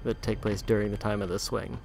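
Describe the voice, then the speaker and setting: A man's voice: lowish voice, steady tone, brisk, vocal fry, music in the background. A man giving casual, understated gameplay commentary, thinking aloud as he plays. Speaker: gaming video host. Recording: loud game audio under commentary. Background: video game sound.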